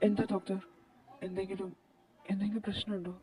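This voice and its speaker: A woman voicing a worried, quick-tempered young husband and expectant father in an amateur audio drama. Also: mid-range voice, little pitch movement, dark tone, natural voice. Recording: distant mic with faint background music. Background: faint music.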